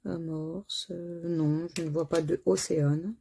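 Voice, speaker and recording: A woman's voice: sits low, steady tone, measured pace, gravelly, warm tone, husky. A French woman hosting a scratch-card channel, chatting casually as she scratches tickets and spells out letters one by one. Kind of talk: casual commentary while scratching lottery tickets.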